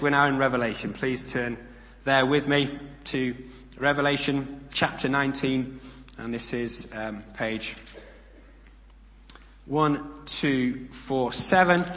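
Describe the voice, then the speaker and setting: A man giving a sermon, reading scripture aloud with rising emphasis and explaining it in calmer asides. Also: mid-range voice. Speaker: preacher. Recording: long hall reverb.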